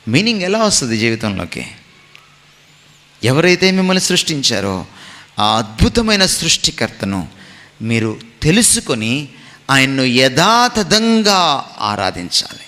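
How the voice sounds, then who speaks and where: Pastor, male: bright, emphatic sermon delivery with long hall reverb, drops into English phrases. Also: medium pitch, sing-song, unhurried, long pauses.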